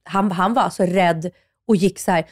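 A woman's voice: on the low side, dry recording, studio quality. Agitated woman telling a story. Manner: animated, agitated storytelling with many restarts. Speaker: podcast co-host. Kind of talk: casual chat.

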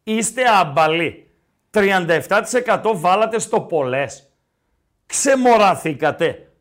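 A man hosting a podcast, talking sport in a casual, joking, animated way. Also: high voice. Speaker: podcast host.

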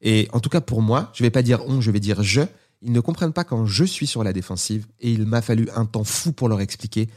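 A man's voice: lowish voice, a little fast, darkish tone. Earnest, hesitant French man. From France. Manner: earnest, hesitant, growing heated. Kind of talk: candid conversation.

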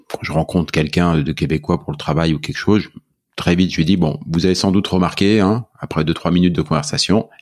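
A man from France with a French accent, co-hosting a relaxed chat and repeating words as he starts. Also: low voice, breathy edge. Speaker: podcast co-host. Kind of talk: casual conversation.

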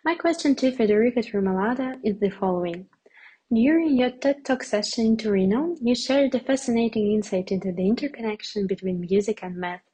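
A woman's voice: medium pitch, warm tone, husky, low-quality recording. A young woman, politely reading out a prepared question to a guest. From Russia. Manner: formal, polite. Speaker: student asking the guest a question.

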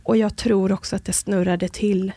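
Woman guest on a podcast, creaky voice, earnest and halting, dry close mic. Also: medium pitch, little pitch movement, mellow, no room sound. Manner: earnest and halting, with many restarts. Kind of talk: personal storytelling in a conversation.

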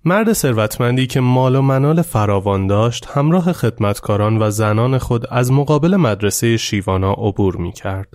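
Man reading a story aloud for a podcast, calm and steady, dry close sound, mid pitch. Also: no echo. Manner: calm, measured. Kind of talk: scripted story narration.

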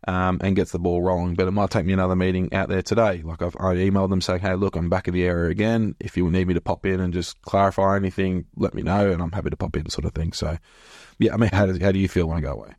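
Aussie guy w broad accent, deep voice, talks fast, blokey casual podcast chat, dry sound. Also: steady tone, darkish tone, no room sound. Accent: broad Australian. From Australia. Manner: blokey, informal, slangy. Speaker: business owner and podcast co-host.

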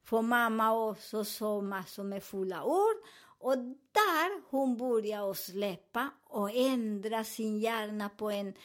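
A high-pitched woman therapist with a way of speaking, recounting her clients' stories. She talks earnestly and leans on repeated words for emphasis. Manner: non-native Swedish grammar. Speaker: hypnotherapist.

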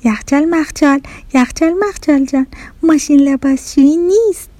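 A woman voicing a kitchen stove, a gentle friend who frets and calls out anxiously. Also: high voice, steady tone, dry recording. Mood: worried. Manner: anxious, urgent calling.

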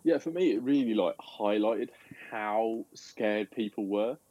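A man in a casual film discussion, animated and acting out quoted lines. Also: lowish voice, unhurried, no room sound, lo-fi sound. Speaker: podcast guest.

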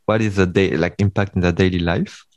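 Vietnamese-accented male interviewer, lower register, hesitant casual delivery, dry sound. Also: steady tone, brisk, no room sound. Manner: hesitant, many fillers and restarts. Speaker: podcast host interviewer.

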